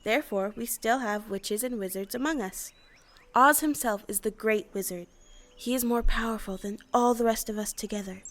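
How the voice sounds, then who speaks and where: Kindly old good witch, acted by a woman, high voice, motherly, deliberate storybook phrasing, stage audio play. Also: natural voice. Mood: explanatory, curious. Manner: deliberate, storybook-formal, solicitous.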